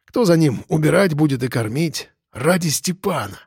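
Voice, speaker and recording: A man's voice: fairly high pitch, animated, normal speed, creaky, darkish tone, breathy edge, no room sound, studio quality, exaggerated voice. A man voicing a whiny, unshaven male petty thief who sniffles and pleads in a raised voice. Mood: begging.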